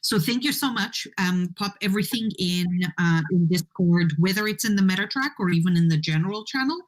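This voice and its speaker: A woman's voice: mid-range voice, brisk. A woman casually hosting an online conference livestream, speaking off the cuff and rephrasing as she goes. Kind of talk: casual, unscripted moderating. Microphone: internet call.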